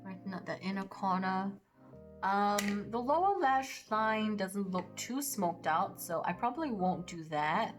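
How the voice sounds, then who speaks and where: A woman's voice: medium pitch, lively intonation, unhurried, faint music behind. A woman chatting casually and a little hesitantly through a makeup tutorial, thinking aloud as she goes. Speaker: makeup vlogger.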